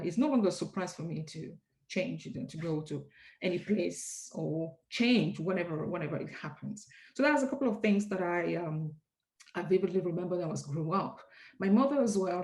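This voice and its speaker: A woman from Cameroon, giving measured, reflective answers as an interview guest, often pausing with hesitations. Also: lowish voice, a little mellow, poor audio. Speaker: compliance consultant, interview guest.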